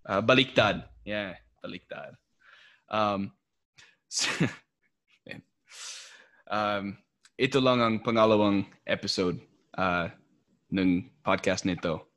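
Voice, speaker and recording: A young American man with a lowish, fairly bright voice hosts a casual podcast, chatting in English mixed with Tagalog. He is laid-back and chatty, laughs often and uses lots of fillers.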